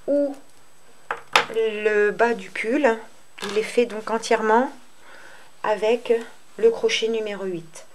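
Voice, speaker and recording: A woman hosting a crochet tutorial, explaining step by step in an unhurried, hesitant way with many fillers. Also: medium pitch, a little mellow. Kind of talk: casual spoken tutorial.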